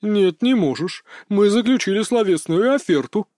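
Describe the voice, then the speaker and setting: A man's voice: high voice, lively intonation, moderate pace, warm tone, no echo, clean studio sound, voice pushed up. A man voicing a huge, haughty talking ginger cat in an audiobook, sulky and bargaining. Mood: lazy. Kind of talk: audiobook character voice.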